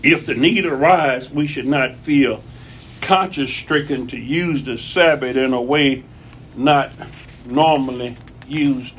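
A man's voice: medium pitch, slow pace, a bit bright, a little hiss or hum. A man preaching a conversational sermon in his church, folksy and repeating phrases for emphasis. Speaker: pastor.

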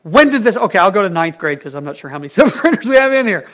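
Man, preacher, sermon, fairly high voice, emphatic, loud stresses and soft drops, questions the congregation. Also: big pitch swings, racing. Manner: emphatic, swings between loud stresses and hushed phrases.

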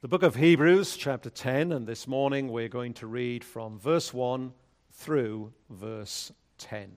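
A male pastor speaks into a pulpit microphone, leading a congregation in prayer and reading scripture aloud. His pitch sits in the middle range. He takes his time, with a measured, solemn liturgical delivery.

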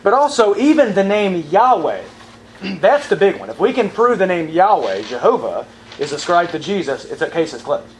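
Man, Bible teacher, sermon delivery, fairly high voice, emphatic questions, faint room noise. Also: sing-song, moderate pace, rough recording. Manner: emphatic, asks the audience questions and repeats verses.

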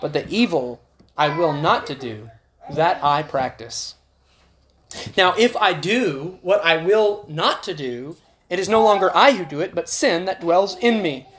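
A man's voice: a little high, animated, measured pace, a bit bright, slight background noise. Man, preacher, sermon at prayer meeting, earnest, emphatic, echoey chapel. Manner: earnest, rises to emphatic when reading scripture.

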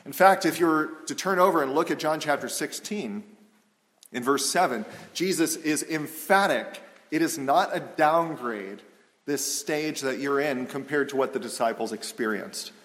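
A middle-aged man preaching a sermon as pastor, earnest and measured, rising into emphatic stresses. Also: a little high, a bit bright. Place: church sanctuary. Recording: long reverb of a hall.

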